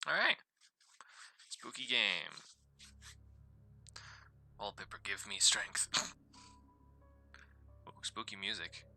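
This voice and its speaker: A man's voice: on the low side, expressive, takes it slowly, vocal fry, pauses often, bright, forceful tone. A man streaming a horror game live, chatting casually and stumbling as he reads the on-screen text aloud. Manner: rambling, stumbles while reading text aloud. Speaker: gaming streamer. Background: faint game music.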